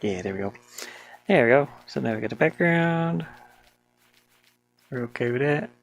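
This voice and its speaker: A creaky-voiced solo game developer narrates their work with animation at a moderate pace and medium pitch. Unscripted and colloquial, they mutter to themselves, grumble a bit and lean on "ain't" and double negatives, all inside a small warm room cooled by a fan.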